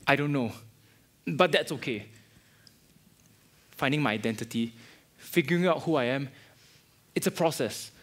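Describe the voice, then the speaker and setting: A man's voice: mid-range voice, lively intonation, moderate pace, long pauses, fairly bright tone. A young man acting in a student stage play as a hurt but forgiving friend who talks earnestly and thoughtfully. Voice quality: earnest, reflective.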